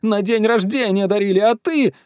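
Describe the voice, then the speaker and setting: A man voicing a sniffling, indignant little boy in a children's story, shrill and cross. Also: normal speed, clear, resonant tone, dry recording, studio quality, lightly acted.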